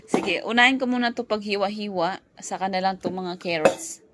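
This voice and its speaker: A woman's voice: medium pitch, normal speed, very noisy. A woman vlogging as a mom cooking at home, chatting and mixing Tagalog with English while recording on her phone. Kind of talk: casual home cooking vlog. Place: home kitchen. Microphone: phone camera.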